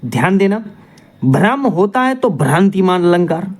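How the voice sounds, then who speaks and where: A man's voice: high-pitched, sing-song, normal speed, a little mellow. A male teacher giving an exam coaching lesson, asking questions and answering them himself while checking in with his students again and again.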